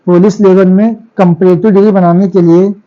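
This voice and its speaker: A man's voice: high-pitched, level tone, a little fast. A male teacher giving a classroom grammar lesson. He keeps asking questions and answering them himself, repeating the key words. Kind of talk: classroom lecture on English grammar. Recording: dull lo-fi classroom recording.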